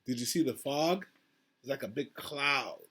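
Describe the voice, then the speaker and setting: A man's voice: medium pitch, a little slow, sharp tone, husky. A man, a school principal, reading a picture book aloud to children over a video call, praising them and asking about the pictures. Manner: encouraging, asks the children questions about the pictures.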